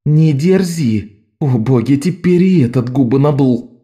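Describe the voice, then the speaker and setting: A man voicing a bossy, sharp-tongued young girl thief who leads a gang of boys, scolding and commanding. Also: medium pitch, expressive, measured pace, pitched above the performer's own voice, close to an everyday voice.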